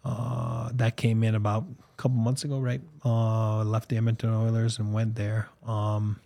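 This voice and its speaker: This former hockey player, a native French speaker, co-hosts a casual sports podcast with ad reads, and his French accent carries a touch of Boston. He rambles with plenty of ums and "you know" in a lowish, gravelly, mellow voice that stays monotone at a moderate pace. The recording is dry.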